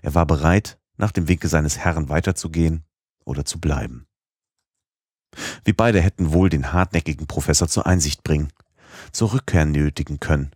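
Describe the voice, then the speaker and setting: A man narrating an audiobook in a measured, expressive storytelling manner. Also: a bass voice, slightly rough, no echo, clean studio sound.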